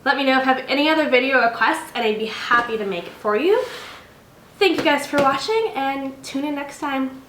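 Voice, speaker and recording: A woman's voice: high-pitched, a little fast, fairly bright tone. A young woman chatting casually on her vlog, rambling and correcting herself as she reviews snacks. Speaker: beauty and lifestyle vlogger. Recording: echoey home room with faint noise.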